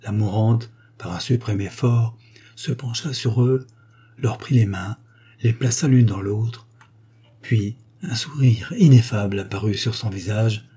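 A male audiobook narrator reads a classic novel in a measured, expressive way. His voice is fairly low and dark in tone. A husky grain runs through it. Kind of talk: scripted literary narration.

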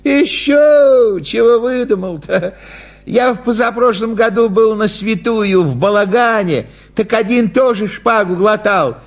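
Guy putting on a gruff no-nonsense onlooker, raised pitch, brushing things off. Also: a little slow. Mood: dismissive. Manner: dismissive, matter-of-fact. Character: blunt, sensible older male spectator. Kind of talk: storybook reading.

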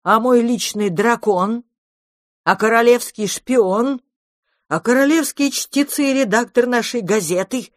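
A woman's voice: fairly low pitch, expressive, a little slow, no room sound, studio quality. A woman voicing a pompous male bat king who shrieks and protests indignantly in a children's story. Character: pompous deposed bat king, shrill and bossy.

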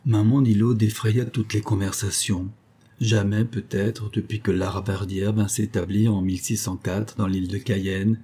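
Low, husky man reading a novel. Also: dark tone. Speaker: audiobook reader. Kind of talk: scripted novel narration.

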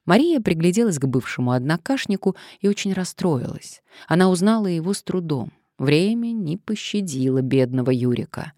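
A woman narrating an audiobook in an expressive, lively reading. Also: fairly low pitch, moderate pace, hardly any pauses, no room sound, clean studio sound.

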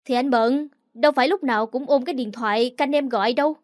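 A woman's voice: high voice, quick pace, a little mellow, no echo, studio quality, close to an everyday voice. A woman doing a blustering, defensive brother. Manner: rough, blustering. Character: brash, defensive young man, the narrator's brother.

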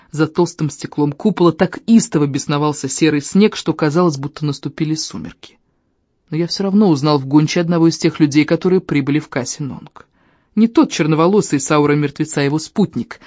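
A mid-pitched reader tells a first-person adventure story in a steady, quietly tense voice. The recording is dry with no room sound, and a bit dull and lo-fi. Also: no room sound. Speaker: audiobook reader. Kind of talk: first-person novel narration.

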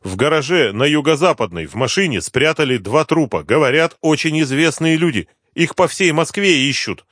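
A man reading an audiobook, voicing a frightened, whining male drug addict with a high, pleading voice. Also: animated, normal speed, hardly any pauses, a bit bright, no room sound, studio quality. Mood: insistent pleading.

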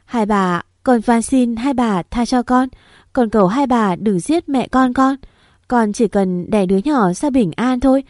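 A woman's voice: on the high side, a little slow, darkish tone, no room sound, studio quality, voice pushed up, close to an everyday voice. A woman voicing a young pregnant servant woman who begs through tears, with a choked voice, in a storybook reading. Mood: pleading, tearful. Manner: choked, begging. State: crying.

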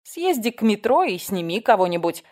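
A woman's voice: medium pitch, big pitch swings, moderate pace, a little mellow, voice pushed up, natural voice. Sarcastic teasing woman, as a reader puts her on. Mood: mocking. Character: mocking sharp-tongued woman editor, teasing. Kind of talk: audiobook reading.

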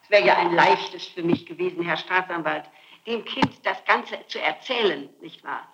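On a muffled, noisy 1960s interrogation tape recorded in an echoey indoor room, a middle-aged woman with a fairly low voice answers questions at a moderate pace. She responds defensively and insistently, breaking off and repeating her phrases.

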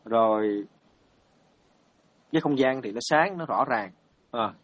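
Man, Buddhist monk, hesitant, lots of fillers, mid pitch. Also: lively intonation, takes it slowly, dry recording. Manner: hesitant, many fillers and repeated words. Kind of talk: dharma talk storytelling.

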